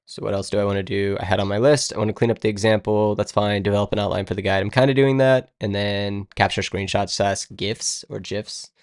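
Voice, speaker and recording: A man's voice: fairly low pitch, steady tone, fast, few pauses, clear, resonant tone, no echo, studio quality. A man live-streaming his coding work, thinking aloud in a rambling, casual way and muttering to himself as he goes. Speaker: live-streaming web developer.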